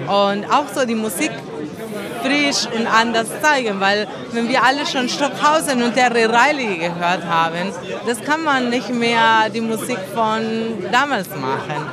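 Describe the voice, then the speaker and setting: A woman from Argentina, a composer and singer, answering interview questions in a thoughtful way, pausing to search for words, with grammar. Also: a little high. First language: Spanish.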